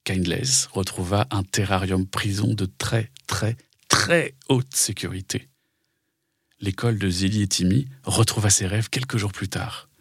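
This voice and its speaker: A man's voice: fairly low pitch, measured pace, slightly rough, no room sound, studio quality. A man narrating a scripted dramatic story for children.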